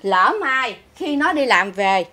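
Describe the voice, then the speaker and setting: A woman with a high, bright voice, telling a story quickly in a casual chat. She acts out other people's words as she goes and keeps pleading her case. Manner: animated, talks fast, acts out others' words. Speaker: vlogger.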